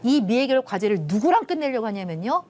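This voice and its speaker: A Korean woman, a lecturer and love institute director, tells stories animatedly in a TV studio with lively pitch and a fast pace. She acts out quoted lines and lowers her voice to a soft hush at tender moments.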